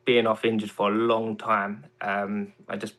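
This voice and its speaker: A man's voice: lowish voice, little pitch movement, a little slow, poor audio. A man from England with a London accent, a guest on a casual chat show, talking hesitantly with lots of ums. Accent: London English. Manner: hesitant, many ums, soft-spoken.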